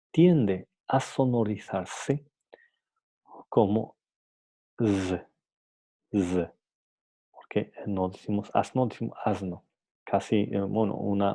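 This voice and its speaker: Dark gravelly guy teaching phonetics, slow and halting, lots of ums. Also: lowish voice. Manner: hesitant, many fillers and restarts; says examples aloud, ends points with "¿no?". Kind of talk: phonetics lecture.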